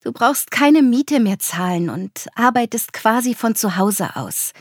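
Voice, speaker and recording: A calm, steady young woman soothing a frightened friend, as a woman reading the story puts her on. Her tone is encouraging and even, with a slightly husky edge. The sound is close and dry. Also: a little high, measured pace, dry recording, voice pushed up. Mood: reassuring.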